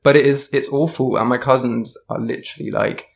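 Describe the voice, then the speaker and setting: A man's voice: medium pitch, fairly even intonation, brisk, creaky. A man in casual conversation, chatty and enthusiastic, peppering his talk with fillers. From half Irish, half Indian family. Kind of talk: casual chat.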